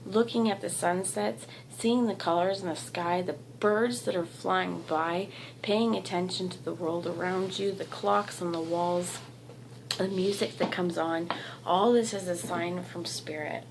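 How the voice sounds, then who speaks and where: A woman delivers a channelled tarot reading, soft-spoken and reassuring, often circling back and restarting her thoughts. Her voice is gravelly and worn, as if she is losing it, with a faint hiss of noise behind her. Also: lowish voice, fairly even intonation, unhurried. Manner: gentle, encouraging, rambling with restarts. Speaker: tarot reader.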